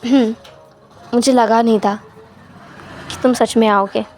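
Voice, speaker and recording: A woman voicing an earnest, apologetic young man in a fanfiction story, soft-spoken and hesitant. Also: a little high, fairly even intonation, unhurried, soft background music, pitched below the performer's own voice.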